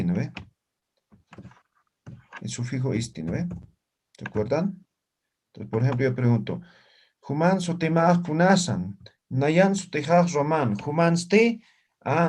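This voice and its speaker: A man teaching a live online language class over a video call. He talks patiently, says words slowly and often checks that students follow. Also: medium pitch, a little mellow.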